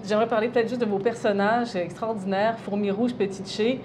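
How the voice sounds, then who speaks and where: A woman's voice: medium pitch, steady tone, brisk, noisy background. A woman hosting an interview, asking engaged questions and giving brief affirmations. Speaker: interview host. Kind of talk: interviewing guests.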